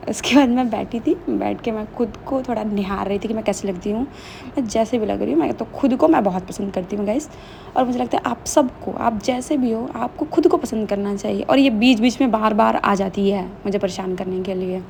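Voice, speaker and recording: A woman's voice: mid-range voice, brisk, vocal fry, darkish tone, a little hiss or hum. A young woman chatting casually in a vlog voice-over, slipping English phrases into her talk. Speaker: vlogger.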